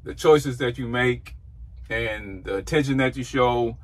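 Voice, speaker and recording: A man's voice: mid-range voice, a little slow. A man in his forties, a trucker, giving rambling, earnest thoughts from his truck cab into a dashboard camera. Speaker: trucker vlogger. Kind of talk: casual reflective talk.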